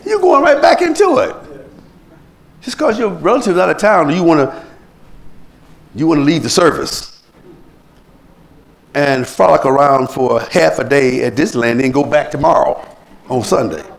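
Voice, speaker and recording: A man's voice: normal speed, vocal fry, long pauses. A man preaching a sermon as pastor, telling stories and acting out the people he quotes. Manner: preachy, animated, acts out quoted people in rising pitch. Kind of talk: sermon with anecdotes.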